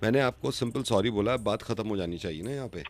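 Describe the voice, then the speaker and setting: A man's voice: on the low side, fast, no echo. Insistent male prank caller, dry sound. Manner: insistently apologetic, then increasingly exasperated and loud. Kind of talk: prank phone call.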